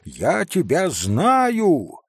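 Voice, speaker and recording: A man's voice: high voice, big pitch swings, slow pace, vocal fry, dry recording, studio quality, pitched above the performer's own voice, exaggerated voice. A man voicing an irritated, dim-witted young shop clerk who blusters and repeats himself. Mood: irate. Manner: repetitive and blustering.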